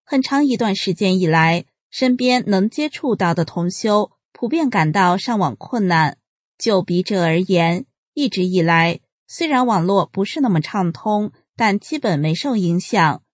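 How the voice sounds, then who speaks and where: Female reader, measured scripted delivery, husky timbre, dry close sound. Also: mid-range voice, dry recording. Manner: measured, even announcer-like delivery. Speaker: reader of published articles. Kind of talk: scripted reading.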